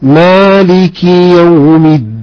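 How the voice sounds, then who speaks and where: A man student reciting Quran verses in a slow, measured chant. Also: high-pitched, clean tone, dull audio.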